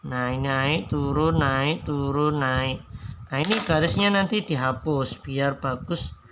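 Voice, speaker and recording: A man's voice: mid-range voice, unhurried. A man teaching children to draw step by step, patiently repeating each instruction and counting strokes aloud. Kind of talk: slow step-by-step drawing tutorial for children. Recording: background noise.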